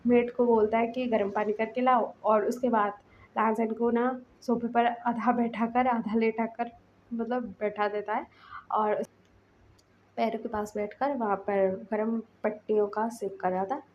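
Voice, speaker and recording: Woman storyteller, casual fan fiction narration, chatty, slightly high voice, lo-fi. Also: level tone, unhurried, slight background noise. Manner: chatty, conversational.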